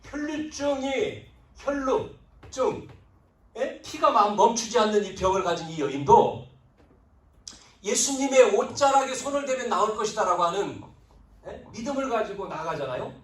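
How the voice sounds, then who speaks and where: Animated preaching man, distant and echoey. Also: sits high, a little slow, pauses often. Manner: emphatic preaching with wide swings between loud and hushed; acts out biblical figures' lines in quoted speech. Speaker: pastor. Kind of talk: sermon. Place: church sanctuary. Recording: roomy, distant church recording.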